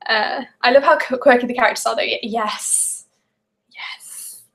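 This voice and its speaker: A young woman from the English Midlands, with a Midlands accent, rambles casually on a live stream while baking, full of fillers and giggles. Her vlogging voice sits on the high side, slow, steady, creaky and a bit bright.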